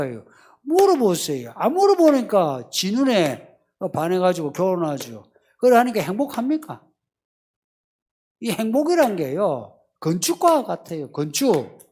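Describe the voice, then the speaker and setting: Lively conversational male pastor preaching. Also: high-pitched, breathy edge. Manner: conversational preaching, acting out little quoted prayers and pleas. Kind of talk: sermon.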